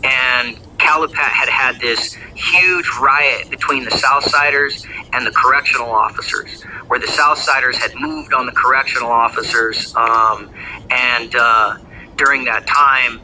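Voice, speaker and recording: Heavy on profanity, slang and fillers, a man who used to be in a gang rambles through his life story. He speaks at medium pitch with a sharp tone. The recording is rough, carrying a little hiss or hum.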